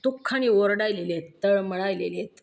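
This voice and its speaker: A woman's voice: mid-range voice, fairly quick, vocal fry, darkish tone. A woman with a Marathi accent giving a devotional scripture discourse, earnest and emphatic, posing rhetorical questions to her listeners. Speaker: religious discourse reader.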